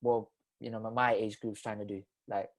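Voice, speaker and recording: A man's voice: on the low side, flat delivery, moderate pace. A man in his twenties from the Philippines, a podcast host in casual chat, loose and slangy, turning earnest on serious topics. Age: 20s.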